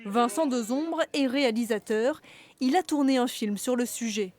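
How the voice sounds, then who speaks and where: A woman's voice: a little high, moderate pace, darkish tone. A woman reads a scripted voice-over for a news report. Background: background music.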